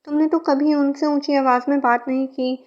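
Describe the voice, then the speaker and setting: Calm, reassuring young woman in a fanfic read, voiced by a woman; high-pitched, lo-fi. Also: moderate pace, natural voice. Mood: soothing. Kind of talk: fan fiction reading. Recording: muffled lo-fi recording.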